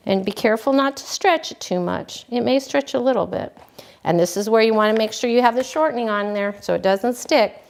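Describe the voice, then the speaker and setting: Woman, slightly high voice, cake decorating instructor, folksy, casual, talks while working. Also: vocal fry. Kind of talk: hands-on demonstration.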